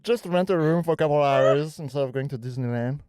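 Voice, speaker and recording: A man's voice: a little high, fast talker, darkish tone, no room sound, clean studio sound. A man hosting a podcast in casual chat, playful and teasing. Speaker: podcast host.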